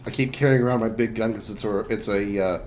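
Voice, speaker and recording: A man's voice: lowish voice, fairly even intonation, fast talker, darkish tone, a little hiss or hum. A man chatting casually as he streams a game, rambling and blunt. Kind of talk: casual gameplay chat.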